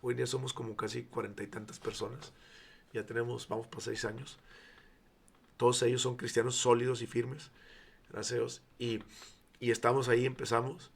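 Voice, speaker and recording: A man's voice: medium pitch, flat delivery, a little fast, creaky, slightly rough. A man in his forties with a Mexican accent, a guest sharing his faith testimony as a storyteller who acts out dialogue and sometimes drops to near whispers. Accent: Mexican Spanish. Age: 40s. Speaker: interview guest, church founder.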